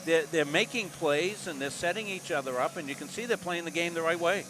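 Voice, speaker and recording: Calling a college basketball game live from courtside, a play-by-play man in his sixties from Massachusetts rambles in a folksy way, full of fillers. His voice is a little high and quick, with background noise and music behind him.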